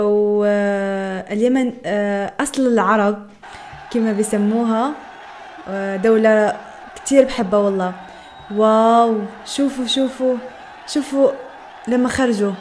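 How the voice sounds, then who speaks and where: A woman's voice: on the high side, darkish tone, slight background noise. A young woman from Morocco giving casual reaction commentary, chatty, often laughing and exclaiming in wonder. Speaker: reaction video host.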